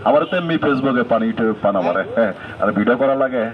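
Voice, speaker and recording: Bangladeshi guy hawking medicine like a street barker, rattles it off super fast, kinda muffled lo-fi sound. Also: crowd noise. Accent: Bangladeshi colloquial Bengali. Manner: insistent, repetitive barker-like pitching to passers-by. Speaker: street hawker selling herbal medicine. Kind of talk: street sales patter.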